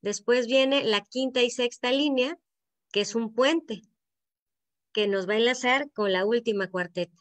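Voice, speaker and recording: A woman's voice: on the high side, a little slow. Veracruz Mexican woman teaching a poetry workshop. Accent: Veracruz Mexican Spanish. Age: middle-aged. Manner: explanatory, asks the group to check in with frequent "¿no?". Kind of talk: online workshop lesson. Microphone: video call.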